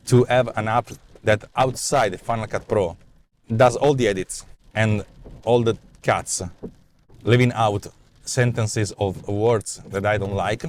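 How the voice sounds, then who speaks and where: A man from Italy, in his forties, develops apps and hosts a vlog; here he talks casually and spontaneously about his app ideas in a parked car during the day. His lowish, Italian-accented voice is full of fillers and repetitions as he gestures animatedly, recorded on a lapel mic with slight hiss or hum.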